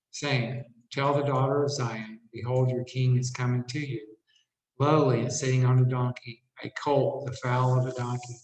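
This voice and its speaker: A man reads scripture aloud at a steady, measured pace, his voice sitting at an ordinary middle pitch. The room adds a noticeable echo around his words. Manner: steady, measured reading with brief asides. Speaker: scripture reader. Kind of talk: plain Bible reading aloud. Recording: roomy echo.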